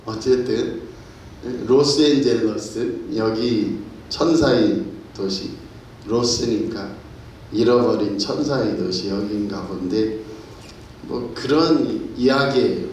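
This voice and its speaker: A man preaching a sermon as pastor, telling a personal story that builds into loud, fervent preaching. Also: lowish voice, slow pace, a little hiss or hum. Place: church sanctuary. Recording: very echoey hall, mic at a distance.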